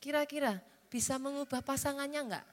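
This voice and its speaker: A woman pastor, moving from fervent prayer to soft, confiding preaching. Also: sits high, fairly quick. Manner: fervent prayer with chanted tongues, then soft confiding talk. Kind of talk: sermon. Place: large church hall. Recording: reverberant church hall with music. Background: keyboard music.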